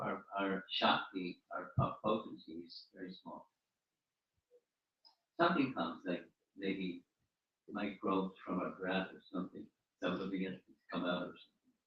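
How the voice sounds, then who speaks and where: A man, a spiritual teacher, giving an informal religious talk and answering questions. He speaks haltingly and often repeats and restarts his words. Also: low-pitched. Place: room at a home gathering. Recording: roomy, distant, dull recording.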